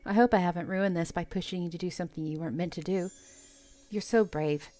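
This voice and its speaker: An Australian woman voicing a dramatic, sharp-tongued female ghost in a dating game. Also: fairly low pitch, fast, lightly acted. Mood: tender. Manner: theatrical, emphatic.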